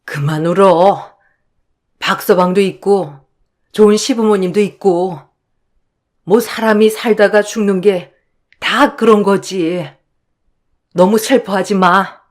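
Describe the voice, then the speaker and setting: A woman voicing a gentle, resigned older mother in a radio drama, soothing her daughter. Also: medium pitch, slow pace, pauses often, close to an everyday voice.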